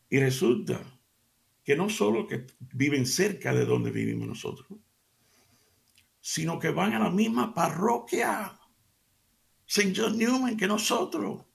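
A middle-aged man hosting a radio devotional, telling an anecdote in an animated way and speaking to his listeners as family. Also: creaky. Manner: addresses listeners warmly as family; animated storytelling, pitch jumps up for emphasis. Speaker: radio show host.

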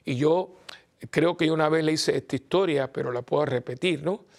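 An older man, a priest, preaching in a lively, chatty way and acting out the people in his stories. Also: fairly high pitch, normal speed, creaky. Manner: lively, animated, acts out voices in anecdotes. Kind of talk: conversational sermon with storytelling.

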